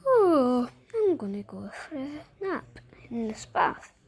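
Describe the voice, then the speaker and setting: A woman voicing a small, clumsy young bear in a storybook, soft and fretful. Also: high-pitched, sing-song, takes it slowly, slightly rough, exaggerated voice.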